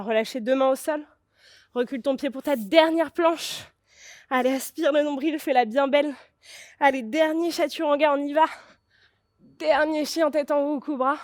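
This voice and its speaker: A woman's voice: fairly high pitch, darkish tone, no echo, clean studio sound. Encouraging French yoga teacher, woman. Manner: encouraging, cueing breath and poses. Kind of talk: guided yoga class.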